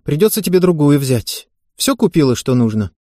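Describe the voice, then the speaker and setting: Brief: male reader voicing an angry middle-aged mother, snapping and raised, lively pitch. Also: normal speed, dry recording, clean studio sound. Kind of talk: audiobook character voice.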